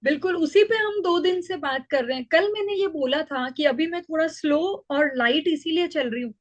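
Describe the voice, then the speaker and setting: Woman, parenting coach, high voice, calm teaching manner, dry lo-fi call sound. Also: moderate pace, no echo. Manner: calm, explanatory, acts out child and mother lines. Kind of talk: online parenting class.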